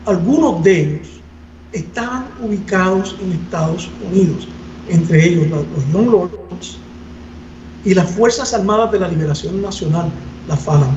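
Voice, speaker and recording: A man explains at length in an academic seminar, pausing often to find his words. His voice sits fairly high and sounds distant in a roomy space. The recording is muffled, with faint noise underneath. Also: a little mellow. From Puerto Rico. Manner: measured, thoughtful, frequent hesitations. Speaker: guest lecturer.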